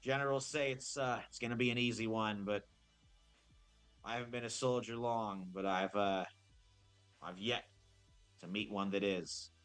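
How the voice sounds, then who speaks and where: A man's voice: lowish voice, steady tone, normal speed, pauses often, fairly bright tone, faint music behind, lightly acted. A man voicing a veteran male redback spider general with a put-on Australian accent, giving plainspoken rallying orders. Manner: rallying, plainspoken soldier talk.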